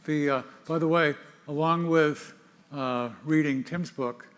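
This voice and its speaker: An older man hosting an interview, speaking in a halting way with many pauses. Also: on the high side, steady tone. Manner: halting, many fillers and restarts. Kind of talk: interview host conversation.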